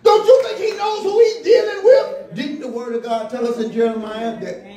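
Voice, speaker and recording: A man preaching a sermon from the pulpit in rhythmic call-and-response style, building to shouts. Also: very high voice, fairly even intonation, moderate pace, distant mic, dull audio. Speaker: pastor. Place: church sanctuary, indoors, at a pulpit. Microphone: stand mic at the pulpit, filmed from a far camera. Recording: echoey church room, heard from afar.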